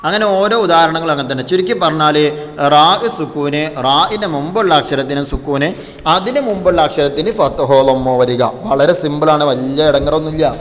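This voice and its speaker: A man's voice: fairly high pitch, fairly quick, a bit bright, a little hiss or hum. Patient man teaching, reverberant sound. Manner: patient, asks questions then answers them himself. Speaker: Quran recitation teacher. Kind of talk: tajweed lesson.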